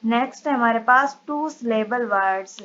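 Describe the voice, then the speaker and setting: High-voiced woman teaching a slow lesson. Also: fairly bright tone, dull audio. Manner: patient, explains step by step, reads English definitions slowly. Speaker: English teacher. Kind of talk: explanatory lesson.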